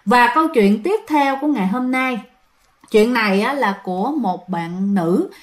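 Woman telling ghost stories, fairly high voice, chatty and talks right to you. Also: expressive, measured pace. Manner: chatty, addresses listeners directly, many fillers. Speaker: storyteller. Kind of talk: casual ghost-story telling.

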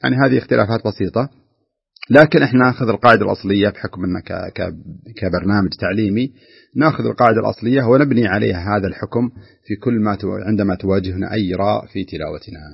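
A man's voice: on the low side, very fast, vocal fry, breathy edge, no room sound. A man teaching Quran recitation on a radio program, patiently demonstrating sounds with frequent hesitations, on a dull lo-fi recording. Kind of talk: explaining recitation rules on radio.

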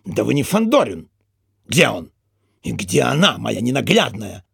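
A man's voice: mid-range voice, big pitch swings, measured pace, gravelly, fairly bright tone, slightly rough, dry recording, clean studio sound, voice pushed down, exaggerated voice. A man voicing a scheming con man who fakes a wronged husband in a melodramatic, wailing, theatrical way.

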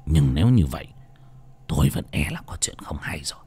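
A man voicing a calm, grave male exorcist who speaks slowly and quietly. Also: vocal fry, slightly rough, dry recording, exaggerated voice. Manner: slow, low, grave and hushed.

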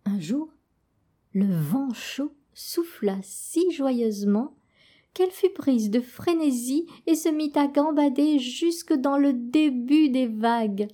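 Une femme qui lit un conte pour enfants d'un ton doux et expressif, avec parfois des passages chuchotés. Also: female voice, sits high. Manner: slow, soft, expressive. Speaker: storyteller. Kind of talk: reading a children's tale.

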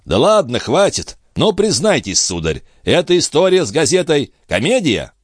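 A man's voice: a little high, sing-song, normal speed, dry recording, clean studio sound, pitched above the performer's own voice. A man voicing a hot-tempered, blustering nobleman in an audiobook. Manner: brash, emphatic. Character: blustering French viscount, hot-tempered, boastful.

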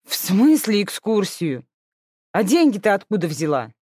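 A woman's voice: mid-range voice, sing-song, a little slow, darkish tone, no echo, studio quality, voice pushed up. A woman voicing an exasperated young woman scolding her younger sister in an audiobook. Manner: stern, scolding.

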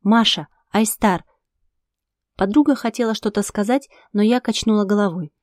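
A woman narrating a first-person novel as an audiobook, in an expressive, dramatic reading. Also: medium pitch, a little fast, dry recording, studio quality.

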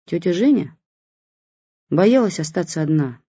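A narrator reading a story aloud in calm scripted narration. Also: mid-range voice, a little slow, slightly rough, dry recording. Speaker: audiobook narrator. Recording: dull dry audiobook recording.

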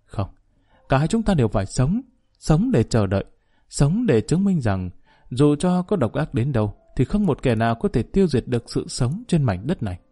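A man voicing a gaunt, steadfast husband back from prison camp, who speaks calmly and gravely. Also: mid-range voice, normal speed. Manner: calm, grave.

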